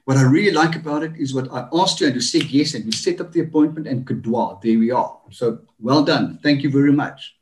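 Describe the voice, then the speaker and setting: A man's voice: medium pitch, a little fast. A man in his fifties hosting a casual interview, jovial and laughing often. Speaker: host.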